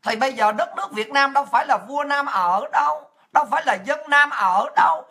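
A woman's voice: fairly high pitch, bright, forceful tone, slightly rough. A woman with a Southern Vietnamese accent giving an angry, profane political rant. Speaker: political commentator.

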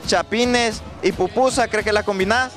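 Young man, Guatemalan Spanish accent, very high voice, joking street interviewer, music playing behind. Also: normal speed, fairly bright tone. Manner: teasing, laughs a lot, calls out to passersby. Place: outdoor fairground. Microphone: handheld.

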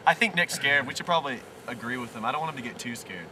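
A young man telling deadpan mock ghost stories to friends in a teasing, mock-solemn way. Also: medium pitch, very fast, over a noisy crowd. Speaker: storyteller among friends.

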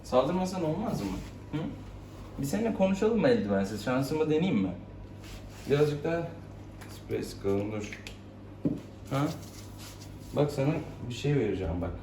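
A man's voice: mid-range voice, big pitch swings, moderate pace, long pauses. A man working as a vet, talking soothingly to a cat in a clinic. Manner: soothing, coaxing, talks to the cat. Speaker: veterinarian. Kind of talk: casual talk while handling a cat. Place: veterinary clinic room. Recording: echoey room, distant mic, loud background noise.

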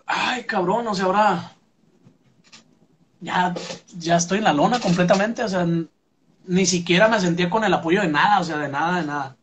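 A young man with a Mexican accent talks in a relaxed, rambling way, filling gaps with "este" and punchy "pum" sounds. His voice sits a little high for a man, and there is a faint hiss of noise behind him. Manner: conversational, many fillers and "pum" sound effects. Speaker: musician interviewee. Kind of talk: casual interview.

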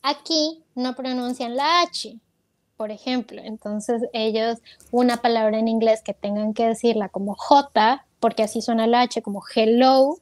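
A woman's voice: fairly high pitch, normal speed, no echo. A woman telling her story as an interview guest, candid and full of fillers, quoting her own thoughts aloud. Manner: candid, retells with quoted self-talk and many fillers.

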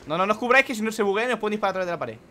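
A young man, chatting excitedly and swearing while playing a co-op game. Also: high voice, racing. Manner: excitable, swearing, loud outbursts and laughter. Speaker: gaming YouTuber. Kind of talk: excited co-op gameplay chat.

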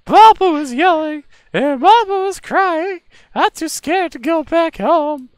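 A man voicing a whiny, scared little girl while reading game dialogue aloud in a high, petulant child voice. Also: expressive, slow, no room sound, studio quality, heavily acted.

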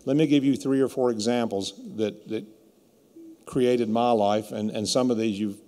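A man in his fifties with a hoarse, rough voice gives a plain-spoken, emphatic motivational keynote speech into a stage microphone. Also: medium pitch, fairly even intonation, normal speed, dark tone. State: hoarse from yelling all day. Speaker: keynote speaker, entrepreneur. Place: indoor brick-walled event venue, on stage. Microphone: stand microphone at lectern. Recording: echoey hall with long reverb.

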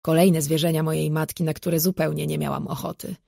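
A woman's voice: low voice, level tone, a little fast, gravelly, dark tone, no echo. A woman narrating a first-person audiobook in a wry, dry storytelling manner.

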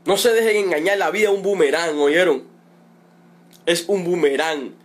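A middle-aged Cuban man, a father of a detained protester, making an emotional, indignant and repetitive appeal in a livestream. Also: high-pitched. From Cuba. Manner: pleading, indignant, repetitive, drawn-out emphasis.

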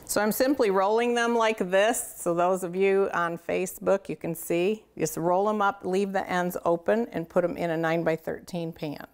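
Her voice is lowish and smooth, with fairly even intonation, normal speed and few pauses. She's a middle-aged cooking show host giving a casual demonstration in a home kitchen indoors, talking straight to viewers with chatty, folksy enthusiasm.

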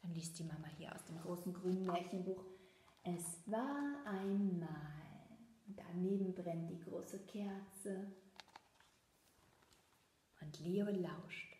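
A woman reading a picture book aloud to children, lively and chatty, showing them the pictures. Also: on the low side, measured pace, long pauses, reverberant. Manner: lively, talks directly to children. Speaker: storybook reader.

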